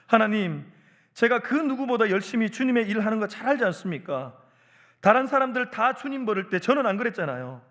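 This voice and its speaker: A man's voice: high-pitched, expressive, fairly quick, fairly bright tone. A man voicing a weary, resentful male prophet who pleads and complains to God. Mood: aggrieved.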